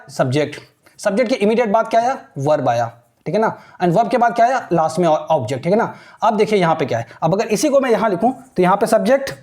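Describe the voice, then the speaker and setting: A man's voice: high voice, darkish tone. A man teaching a grammar lesson, checking in with his students after nearly every line. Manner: mixes Hindi and English, keeps asking "ठीक है ना?". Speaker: English teacher. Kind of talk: classroom lesson.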